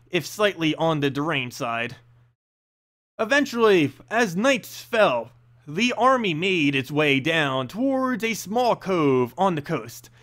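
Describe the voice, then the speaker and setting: A fairly high, slightly bright male voice reads a fantasy story aloud for his channel. He narrates dramatically, now and then stumbling hesitantly.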